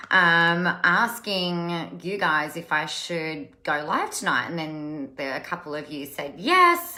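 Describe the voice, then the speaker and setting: A woman's voice: fairly low pitch, sharp tone. A woman, hosting a casual live stream as a coach, chatty and emphatic, repeating words for effect. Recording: echoey room.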